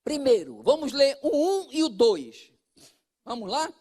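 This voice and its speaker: A Brazilian Portuguese-accented man preaching a sermon as pastor, talking straight to his congregation and swinging between loud calls and hushed asides. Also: very high voice, big pitch swings, unhurried.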